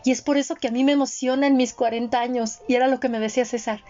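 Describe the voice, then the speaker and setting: A woman in her forties with a fairly high voice, speaking in an earnest, motivational way and turning to her listeners often. The recording is dull and lo-fi. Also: steady tone, fast talker, dark tone, faint music behind. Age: 40s. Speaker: co-host. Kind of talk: reflective conversational talk. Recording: dull lo-fi sound.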